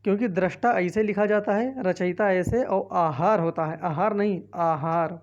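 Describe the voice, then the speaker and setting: With the highs cut off, a woman's slightly mellow, medium-pitched voice moves at normal speed. She's an exam-prep teacher whose Hindi-speaking north Indian accent carries her through a quiz, reading options aloud and explaining each answer.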